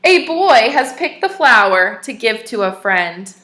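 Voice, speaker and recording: A teacher reads a picture book aloud to small children in an echoey room, her voice bright and slightly high for a woman. She reads with lively expression and stops now and then to ask her young listeners questions.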